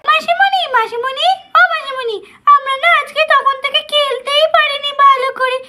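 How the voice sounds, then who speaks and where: A woman's voice: very high voice, normal speed, heavy background noise. A woman voicing chattering, pleading little girls in a doll play story, with a singsong, playful way of talking.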